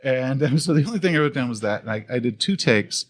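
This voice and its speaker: A man telling stories on a podcast in a medium-pitched, conversational voice. He talks in a loose, animated way, often restarting sentences and slipping into quoted voices mid-story. His delivery is relaxed and full of laughter. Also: fast. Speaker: podcast guest, video creator. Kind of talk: casual podcast chat.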